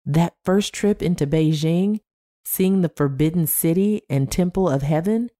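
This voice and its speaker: A woman's voice: lowish voice, a little slow, warm tone, close to an everyday voice. Brief: flamboyant old fellow, sing-song delivery, as a woman narrator puts him on. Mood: reminiscing. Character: older man, flamboyant, sing-song storyteller.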